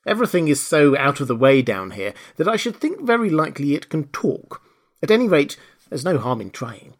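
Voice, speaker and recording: A man's voice: fairly high pitch, sing-song, brisk. A man voicing a polite, chatty little girl in a storybook, earnest, eager and a bit dreamy. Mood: curious musing. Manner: eager, apologetic, musing. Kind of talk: storybook character voice.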